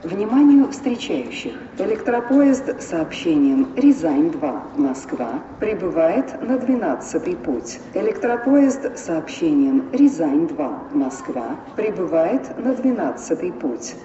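A railway station announcer, a woman with a lowish, sing-song voice, reads formal scripted train announcements slowly with few pauses, in a clipped, phrase-by-phrase airport announcement style. The station loudspeaker sounds dull, distant, echoing and noisy.

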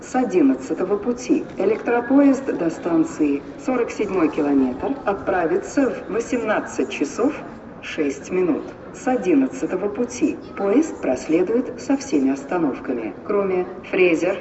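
A woman's voice: on the low side, big pitch swings, normal speed. A woman making formal, scripted public-address train announcements in a clipped, phrase-by-phrase airport announcement style. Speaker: railway station announcer. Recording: dull, distant, echoing, noisy station loudspeaker.

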